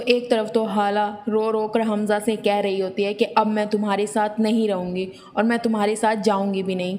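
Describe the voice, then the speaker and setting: A woman hosting a review channel who retells a drama episode in a steady storytelling way and reads the characters' lines in her own voice. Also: mid-range voice, big-room sound. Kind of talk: scripted episode recap narration.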